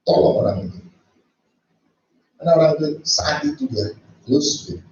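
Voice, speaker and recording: A man preaches a sermon in a church, and his high voice rises and falls through a wide range. He acts out quoted speech and drops English phrases into his talk. He sounds distant and dull, caught in a strongly echoing hall. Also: expressive, moderate pace. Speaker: pastor.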